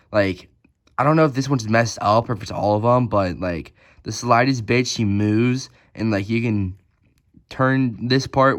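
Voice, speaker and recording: Chatty man reviewing toys, filler-heavy. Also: mid-range voice. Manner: critical, picky about flaws. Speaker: toy reviewer. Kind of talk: casual unboxing review.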